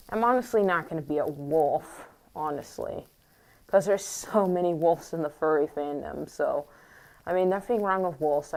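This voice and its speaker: Low-voiced woman rambling to camera. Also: darkish tone, low-quality recording. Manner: rambling and hesitant, many fillers and restarts. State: a little squeaky from morning. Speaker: vlogger. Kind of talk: casual rambling monologue to camera. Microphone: wearing a mask.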